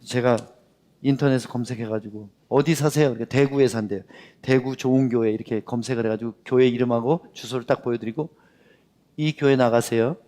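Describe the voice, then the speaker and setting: A man's voice: mid-range voice, brisk. A man preaching a sermon, telling stories and acting out the dialogue in them. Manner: lively storytelling that acts out the dialogue. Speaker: pastor. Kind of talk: sermon with storytelling. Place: worship hall. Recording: long reverb of a worship hall.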